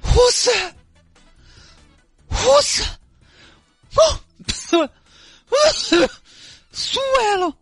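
A man voicing a frazzled, stubborn working woman with a Sichuanese accent who talks in shrill, wailing pleas. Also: sing-song, drawn-out words, long pauses, a bit bright, no echo, faint music behind, exaggerated voice. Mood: pleading. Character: frazzled stubborn woman worker, desperate for attendance bonus.

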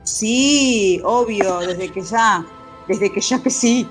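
A woman's voice: mid-range voice, very slow, faint music behind. A woman hosting a podcast in casual, chatty talk with frequent fillers. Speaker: podcast host. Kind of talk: casual chat.

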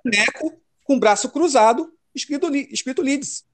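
A man's voice: very high voice, brisk, fairly bright tone. A man from Brazil hosting a casual football chat, emphatic and opinionated, full of slang. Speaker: podcast host.

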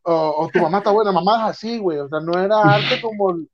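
A young man from Mexico, telling a story in casual chat, slangy and animated, acting out the other people's voices. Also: high-pitched, fast talker. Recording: dull lo-fi sound.

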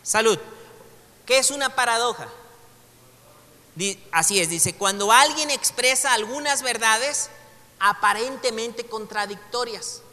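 A man's voice: very high voice, a little slow, pauses often, pushed and bright. A man with a Mexican Spanish accent giving a casual Bible lesson to a class. He talks conversationally, makes joking asides and reads passages aloud. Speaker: Bible teacher. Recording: long hall reverb.

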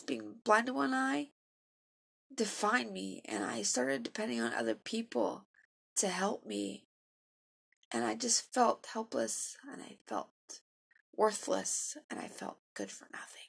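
A woman's voice: on the high side, expressive, unhurried, creaky, fairly bright tone, husky. A young woman giving a personal faith testimony in an earnest, emotional and self-deprecating way.

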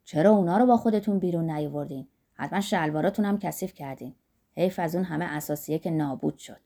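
Lady reading a gruff earthy old miner, dark husky voice, kinda impatient. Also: mid-range voice, very animated. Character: blunt hardworking older Greek miner, gruff.

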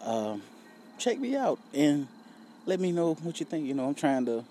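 A man's voice: a little high, sing-song, normal speed, dark tone, a little hiss or hum. A young man chats casually to viewers in a laid-back, slangy, profanity-laced way, often checking for agreement. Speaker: rapper promoting own music. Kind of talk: casual solo vlog chat.

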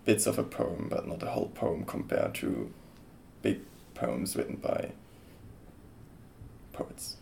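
A guest on a casual podcast chat, giving blunt opinions in a measured way. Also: very deep voice, wildly swooping pitch, gravelly, darkish tone, a little hiss or hum.

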